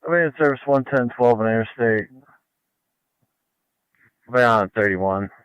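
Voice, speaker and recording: A man's voice: medium pitch, measured pace, fairly bright tone, clear, resonant tone, dry recording. A man radioing in over police radio in procedural phrases. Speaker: officer on patrol radioing in. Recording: dull police radio transmission.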